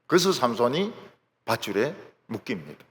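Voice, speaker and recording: A man's voice: medium pitch, normal speed, slight background noise. A male pastor, preaching a sermon and acting out the people in his stories. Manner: animated storytelling, acting out quotes. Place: large church sanctuary. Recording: long hall reverb.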